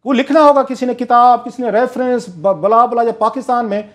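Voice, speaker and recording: Man, political commentary, emphatic storyteller, high voice. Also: fairly even intonation, fairly quick. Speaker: political analyst. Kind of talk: talk show commentary.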